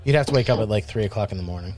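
A man's voice: on the low side, very fast, darkish tone, dry recording. A man from Rhode Island co-hosting a podcast, chatting casually and rambling with many fillers and restarts. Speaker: podcast co-host. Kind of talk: casual chat.

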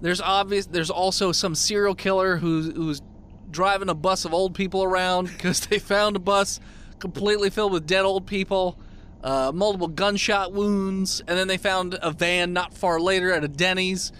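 A man with a high, bright voice narrates as game master at a tabletop game. He improvises casually, over faint background noise. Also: fairly even intonation, normal speed.

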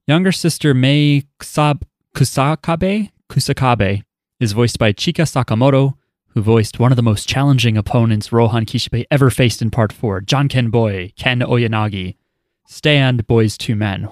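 A podcast host with a mid-range voice talks at a normal speed, reading listener email and tossing in offhand, wry asides in a casual way. The studio-quality recording carries no room sound.

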